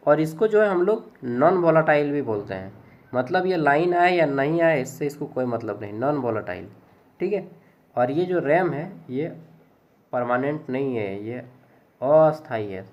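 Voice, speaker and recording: A man teaching exam questions in a casual, joking lecture style, often repeating fillers like "ठीक है". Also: on the high side. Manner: chatty, jokey, repeats "ठीक है". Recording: dull lo-fi recording.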